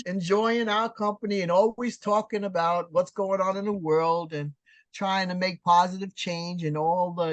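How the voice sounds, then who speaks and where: A woman in her sixties from New York City, telling her story as an interview guest in an animated, emphatic way. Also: on the low side, no echo. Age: 60s. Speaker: guest artist. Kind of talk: casual interview chat.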